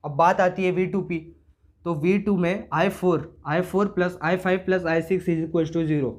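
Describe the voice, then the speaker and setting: A man's voice: high voice, steady tone, measured pace. A man teaching circuit analysis, working through each step casually and asking himself questions as he goes. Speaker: engineering teacher. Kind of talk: explaining circuit problems on a board.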